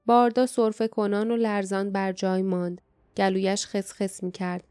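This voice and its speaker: A woman narrating a fantasy audiobook in a steady, even storytelling manner. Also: medium pitch, smooth, no room sound, studio quality, faint music behind.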